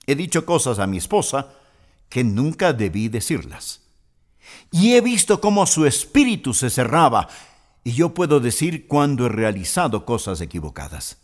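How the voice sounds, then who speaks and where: A man's voice: mid-range voice, moderate pace. A middle-aged man preaching a sermon as a pastor, speaking straight to the listener and asking questions as he goes. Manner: animated preaching, asks the listener questions directly.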